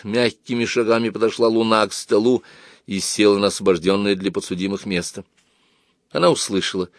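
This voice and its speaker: A man narrating a children's storybook in an expressive, lively way. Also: lowish voice, gravelly, no echo, studio quality. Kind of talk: storybook reading.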